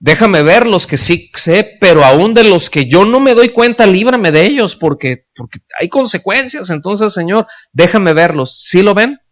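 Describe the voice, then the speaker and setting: A man's voice: high voice, lively intonation, a little slow, few pauses, a bit bright. Pastor preaching to his congregation. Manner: conversational preaching, constant checks with the audience. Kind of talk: sermon.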